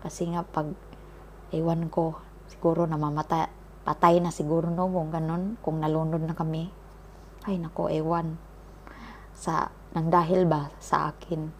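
A fairly low-pitched woman tells a childhood story in a chatty, casual vlog and keeps calling her viewers guys. She is outdoors by the sea, with a faint hum of open air behind her. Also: little pitch movement, a little slow, pauses often. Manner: chatty, addresses viewers as guys, many fillers. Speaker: vlogger. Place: outdoors by the seaside.

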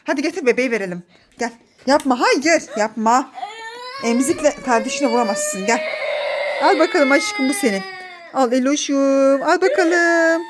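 Playful high-voiced mother, very animated. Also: moderate pace, noisy background. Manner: playful, exclaiming, often laughing. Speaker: mother filming her children. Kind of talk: casual family vlog narration. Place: at home.

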